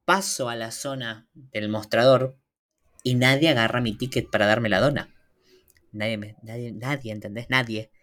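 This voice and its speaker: A woman with a Rioplatense Spanish accent, co-hosting a podcast and telling a casual anecdote in an animated, self-mocking way, acting out both sides of the dialogue. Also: very deep voice, moderate pace. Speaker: podcast co-host.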